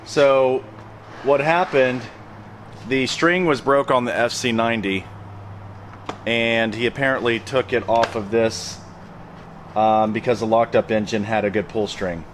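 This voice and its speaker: A man at a mid pitch talks straight into a handheld camera, blunt and emphatic, circling back over the same phrases as he goes. There is a faint hum of noise behind him. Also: fairly even intonation, unhurried, long pauses. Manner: plain-spoken, emphatic, repeats phrases. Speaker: landscaping business owner. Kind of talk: casual vlog talk to camera.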